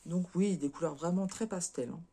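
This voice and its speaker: A woman's voice: fairly low pitch, moderate pace, warm tone, breathy edge. A French woman chatting casually as a craft vlogger, showing and unboxing cross-stitch kits, with lots of fillers and repeated words.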